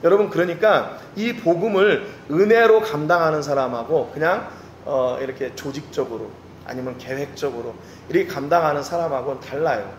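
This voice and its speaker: A man's voice: a little high, brisk. Earnest male pastor preaching in a roomy hall. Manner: earnest, repeats key phrases for emphasis; addresses the congregation directly. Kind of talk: sermon. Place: church service. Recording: roomy echo with faint background noise.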